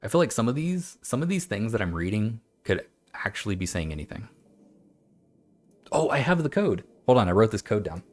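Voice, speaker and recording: A man streaming a game, chatting and reading old-style text aloud in a halting, stumbling way, laughing at himself. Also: on the low side, big pitch swings. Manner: self-mocking, laughs often. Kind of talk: let's-play commentary with reading aloud.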